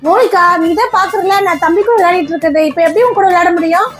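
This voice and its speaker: A woman's voice: very high voice, quick pace, faint music behind. A woman playing a mother in a scripted family comedy skit, soothing her little son and scolding her daughter.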